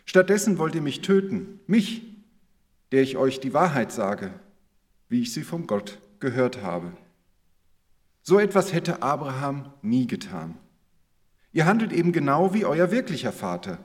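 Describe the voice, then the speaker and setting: A man reading aloud the words of Jesus as a calm, earnest male teacher, in a measured scripture-reading manner. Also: mid-range voice, long reverb tail.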